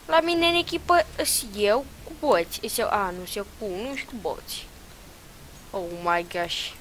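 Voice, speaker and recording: A young woman talks over her own gameplay at a middle pitch, swinging between loud outbursts and muttered asides. A faint hiss sits under her voice. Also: sing-song, poor audio. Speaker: gaming channel host. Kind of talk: casual gameplay commentary.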